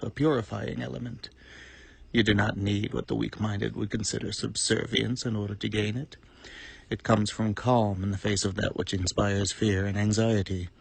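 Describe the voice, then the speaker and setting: In a dramatic monologue, a man plays a cold, calculating supervillain with a gravelly, husky voice pitched fairly low. His delivery is formal, deliberate and self-importantly eloquent, carrying a menacing calm and a coolly philosophical mood.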